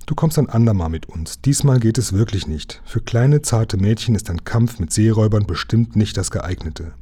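A man reading a storybook aloud, voicing a kind, serious grown-up engine driver who talks slowly and deliberately. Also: fairly low pitch, animated, dark tone, breathy edge. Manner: slow, deliberate and friendly.

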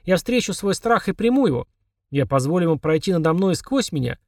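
A man voicing an eager young girl in a storybook reading, pushing his voice high. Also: big pitch swings, fast, a little mellow, no echo, clean studio sound. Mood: solemn chant.

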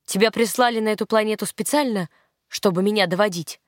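A woman voicing a gruff scolding German man. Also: medium pitch, a little fast, no echo, clean studio sound, natural voice. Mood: exasperated. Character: brooding German man, football coach.

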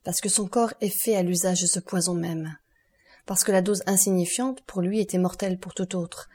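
A woman reading the part of a stern, relentless male doctor, solemn and accusing in a measured way. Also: on the low side, fairly even intonation, a little mellow, breathy edge.

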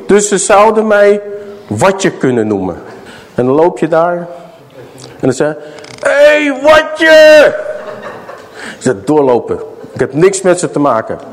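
A middle-aged man preaching a sermon in a church hall, asking his listeners questions and stressing words slowly. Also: fairly high pitch, a little mellow. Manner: questions the audience, dramatic slow emphasis.

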